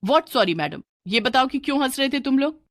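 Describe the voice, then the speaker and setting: A woman's voice: high voice, animated, fairly quick, a bit bright, dry recording, clean studio sound, voice pushed up. A woman voicing a strict female schoolteacher who scolds her class sharply. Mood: stern.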